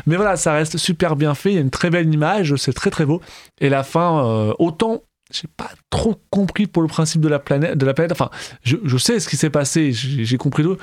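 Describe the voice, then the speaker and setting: A man co-hosting a casual film discussion, speaking haltingly as he searches for words. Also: on the high side, no echo, studio quality. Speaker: film discussion podcast co-host. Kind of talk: casual film review chat.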